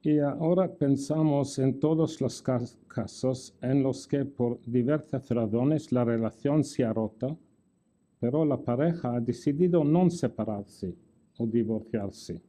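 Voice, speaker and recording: This older guest lecturer speaks careful non-native Spanish with an Italian tinge, keeping a formal register while dropping in dry jokes and wry asides and occasionally restarting words. His voice is mid-range and warm, at a measured pace.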